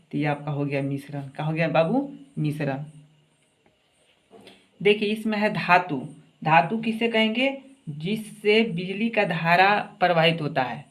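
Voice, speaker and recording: A man teaching a science class, asking short questions and answering them himself in a coaxing classroom way, an everyday delivery. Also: sits high. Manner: asks questions and answers them himself, calls students "babu". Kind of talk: classroom lecture.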